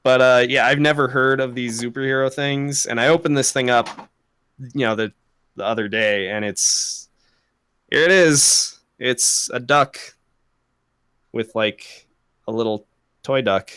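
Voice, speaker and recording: A man's voice: mid-range voice, unhurried, long pauses, fairly bright tone, smooth, no room sound. A young man co-hosting a podcast, chatting casually, rambling, swearing a lot and laughing often. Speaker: podcast co-host. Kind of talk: casual chat.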